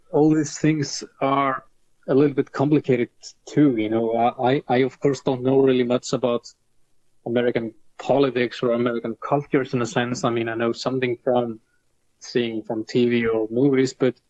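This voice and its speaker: A man's voice: mid-range voice, flat delivery, moderate pace, darkish tone. A young man from Iceland, a native Icelandic speaker, talking in a hesitant interview style and often repeating words while he searches for them. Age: young adult. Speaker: guest, folklore student. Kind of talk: casual interview conversation. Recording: dull lo-fi audio.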